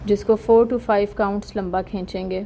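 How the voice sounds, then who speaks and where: A woman teaching an online Quran recitation lesson, explaining each rule slowly and deliberately and stretching out the recited words. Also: medium pitch, fairly even intonation, dark tone, slight background noise.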